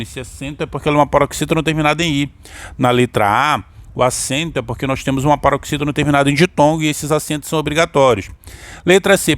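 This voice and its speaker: A man's voice: on the high side, a bit bright, no echo. A man with a Brazilian accent teaching an exam-prep grammar lesson, explaining step by step and often checking in with his listeners.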